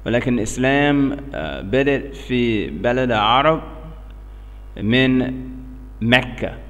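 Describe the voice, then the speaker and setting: A middle-aged American man speaking earnestly and emphatically in halting, broken Arabic with an English accent, as in an informal religious talk. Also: medium pitch, animated, lo-fi sound. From United States. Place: small bare indoor room. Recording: echoey reverberant room.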